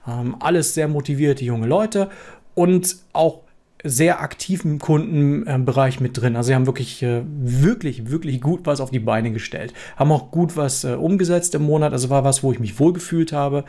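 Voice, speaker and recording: A middle-aged German man with a standard Hanover accent, a software developer vlogger, casually tells his own story to camera. He speaks at medium pitch and normal speed in a mellow voice, conversationally, with frequent fillers and restarts.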